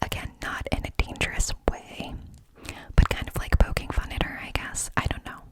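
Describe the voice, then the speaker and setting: Woman whispering quietly, as at night. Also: moderate pace. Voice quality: breathy unvoiced cupped whisper. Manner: hushed, quiet-at-night confiding; casual, rambling, conversational. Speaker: ASMR storyteller. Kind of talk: ASMR whispered storytelling. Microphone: close microphone with cupped hands.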